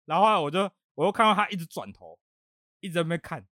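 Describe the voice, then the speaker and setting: A man's voice: a little high, no room sound, studio quality. A man from Taiwan, the podcast host, telling a story in casual chat and acting out the quotes. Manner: fast animated storytelling, laughing often, acting out quotes.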